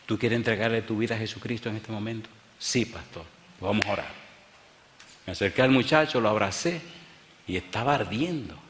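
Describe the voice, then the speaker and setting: Lively storytelling pastor, low voice, echoing hall. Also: male voice, a little fast. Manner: animated storyteller, swings from excited outbursts to hushed tones. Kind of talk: sermon with storytelling. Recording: echoey hall, faint background noise.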